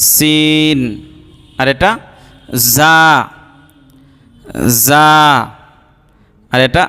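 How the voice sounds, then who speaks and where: A man's voice: fairly high pitch, bright, forceful tone, clear, resonant tone, in a large hall. A man teaching Arabic letter pronunciation for Quran reading, repeating each sound and explaining patiently. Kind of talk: slow step-by-step pronunciation lesson.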